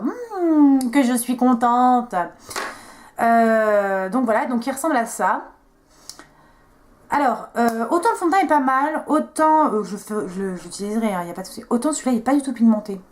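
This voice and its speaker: Animated and fairly quick, this young beauty vlogger's voice is a little high. She chats casually through a makeup tutorial, cracking jokes at her own expense and walking viewers through every step in a chatty, self-mocking manner.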